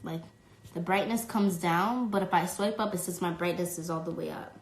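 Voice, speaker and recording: Chatting with fans over a phone held at arm's length, a young woman from New York with a light accent reads comments aloud and answers them, leaning on lots of "like" and "um" in this casual live Q&A. She speaks at a normal speed in a lowish voice. The room echoes and the recording quality is low.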